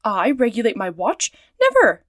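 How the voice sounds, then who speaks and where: A woman voicing an excitable, talkative male French manservant who exclaims often, his pitch jumping up. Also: normal speed, dry recording, studio quality, close to an everyday voice. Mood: indignant.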